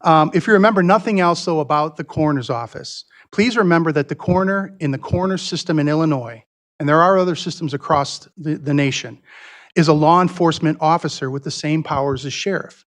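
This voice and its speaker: A man gives a campaign statement at a public forum in a friendly, chatty way, talking straight to the audience. His voice sits a bit high for a man. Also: fairly quick. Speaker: county coroner candidate.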